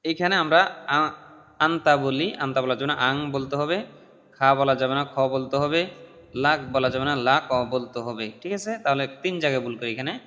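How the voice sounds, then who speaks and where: Male recitation teacher, slow melodic chanting then brisk correction, long echo. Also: medium pitch, bright, forceful tone, dull audio. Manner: chants Arabic prayer slowly, then corrects pronunciation in rapid speech. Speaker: religious teacher. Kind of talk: recitation lesson.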